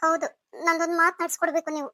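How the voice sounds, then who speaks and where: A woman's voice: very high voice, little pitch movement, racing, sharp tone, no room sound, studio quality. A woman voicing a young female student and wife in a cartoon, talking in an earnest, polite, reproachful way. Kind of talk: cartoon voice acting.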